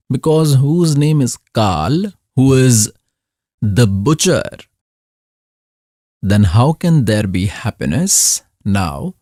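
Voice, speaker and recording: A man delivering a scripted spiritual discourse in a slow, deliberate manner, pausing often between short phrases. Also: medium pitch, dark tone, dry recording, clean studio sound. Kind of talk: religious discourse, scripted voice-over.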